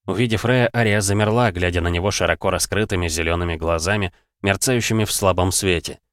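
A man narrating an audiobook in a steady, even reading voice. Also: low voice, quick pace, dry recording, studio quality. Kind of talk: scripted narration.

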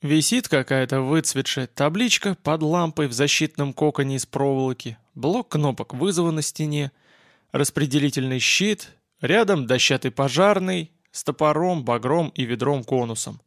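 A man's voice: fairly high pitch, animated, moderate pace, fairly bright tone, dry recording. A man narrating a first-person audiobook in a wry, weary way, close to the mic. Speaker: audiobook reader.

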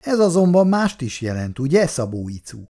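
A formal schoolteacher speaks in measured tones, read by a man. His pitch moves a lot. It is a storybook reading. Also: big pitch swings, mellow. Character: male schoolteacher, formal and probing. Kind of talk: reading a novel aloud.

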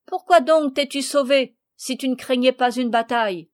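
A woman's voice: high voice, normal speed, lightly acted. Woman reading as a teasing young girl. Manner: mocking, laughing.

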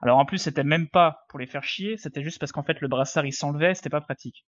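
A man's voice: fairly high pitch, fast talker, no room sound. A man in a casual podcast discussion, talking in a crude, mocking, chatty way. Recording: dull lo-fi dry audio.

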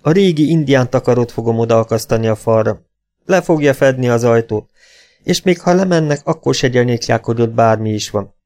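A man's voice: medium pitch, animated, darkish tone, lightly acted. A man voicing a tense grown son who firmly insists to his old mother, in an audiobook. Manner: firm, insistent, sometimes pleading. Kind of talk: audiobook character voice.

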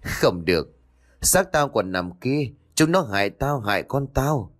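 A man's voice: mid-range voice, animated, measured pace, pitched above the performer's own voice. A man voicing a vengeful young female ghost, a wronged mother, with bitter accusations in a ghost story. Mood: bitter wailing.

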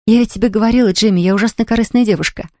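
A woman reading aloud, voicing an eager, chatty young girl who talks in quick exclamations. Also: medium pitch, mellow, slight background noise, close to an everyday voice. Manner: breathless, rapid, exclamatory.

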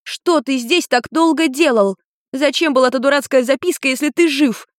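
A high, bright-voiced teenage girl, as a woman voices her in an audiobook, indignant and quick to pile up questions. The recording is dry and close, with no room sound around the voice. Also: no echo, lightly acted. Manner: indignant, rapid-fire questioning. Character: feisty teenage girl searching for her father. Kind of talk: audiobook character voice.

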